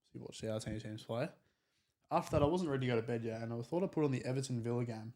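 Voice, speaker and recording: A man's voice: mid-range voice, rapid-fire, mellow. Young man, podcast co-host, wry, dry humour, casual chat. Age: young adult.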